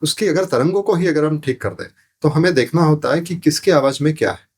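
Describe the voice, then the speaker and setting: Briskly and with a breathy edge, a man whose voice is on the high side gives a spiritual explanation in a podcast interview. He works as a sound therapy teacher and speaks in a didactic way, asking rhetorical questions and repeating phrases.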